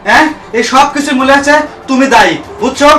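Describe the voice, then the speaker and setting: A man's voice: very high voice, fast talker, pushed and bright. A man plays a worried father and husband who questions and scolds reproachfully. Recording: echoey room, mic at a distance, music underneath.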